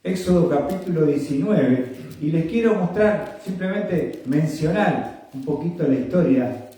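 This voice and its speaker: A man preaching a sermon slowly and emphatically, repeating his phrases and often clearing his throat. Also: fairly high pitch, dark tone. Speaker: pastor. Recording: echoey room from far off.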